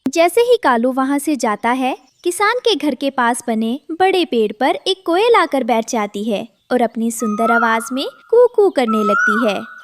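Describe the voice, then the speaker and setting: A woman's voice: high voice, sing-song, unhurried, slight background noise. A woman narrating a scripted children's cartoon story.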